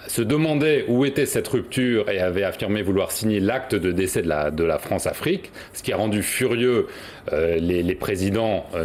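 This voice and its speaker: A man's voice: sits low, a little mellow. A man giving news analysis as a studio journalist, hesitating and repeating words as he explains.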